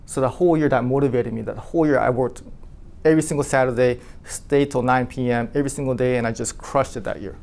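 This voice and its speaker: Animated man telling his team a story. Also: mid-range voice, fast talker, creaky. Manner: animated, asks the room questions, many "like" fillers. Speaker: insurance agency owner addressing his team.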